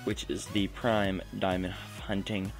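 A young man hosts a gaming channel from a home room, narrating his gameplay in a low-pitched, flat voice at a measured pace. The commentary is casual, chatty and self-interrupting, set against faint background music.

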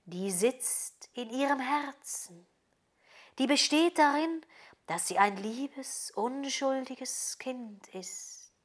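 A woman voicing a wise old Finnish wise-woman who gives calm, solemn counsel. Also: a little high.

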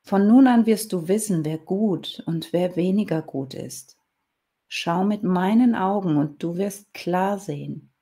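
A woman voicing a trapped, wise old male wolf who wails in pain and then speaks slow and solemn. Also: fairly low pitch, dark tone.

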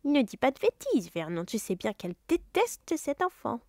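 A woman reading aloud and voicing a snappish, spiteful middle-aged aunt in a high, sharp voice. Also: wildly swooping pitch, normal speed, no room sound, clean studio sound, heavily acted.

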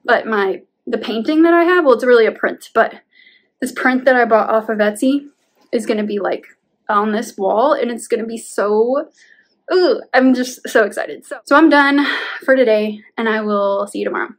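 A woman's voice: a little high, moderate pace. A young woman vlogging casually at home while painting her room, chatty and rambling, tired and at times out of breath. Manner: chatty, rambling, uses "like" often, laughs between words. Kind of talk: casual vlog talk to camera. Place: home bedroom being painted.

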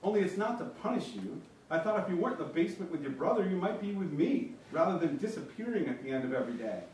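A man's voice: high-pitched, sing-song, brisk, warm tone, slight background noise, pitched above the performer's own voice. A man reading the lines of a frustrated wife in a whispery, strained voice. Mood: pleading. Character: frustrated wife pleading with her husband. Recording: very echoey room, mic far off.

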